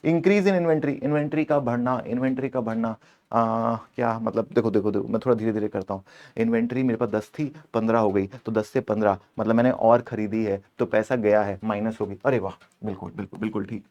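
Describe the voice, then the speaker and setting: A man's voice: on the low side, fairly even intonation, brisk, darkish tone, highs cut off. A man teaching an exam-prep accounting lesson, playfully scolding the answer options and switching between Hindi and English.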